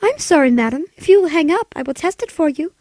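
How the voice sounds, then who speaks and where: A woman's voice: sits high, animated, background noise. Woman acting an unflappable, formal telephone operator. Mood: polite, detached. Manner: formal, measured, impassive. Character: polite, unflappable, officious female telephone operator. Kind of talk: 1940s radio play acting.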